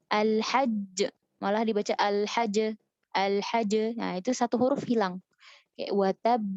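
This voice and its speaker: A young woman teaching Quran recitation in a casual online lesson, patiently explaining and slowly modeling each example. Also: a little high, no room sound, dull audio.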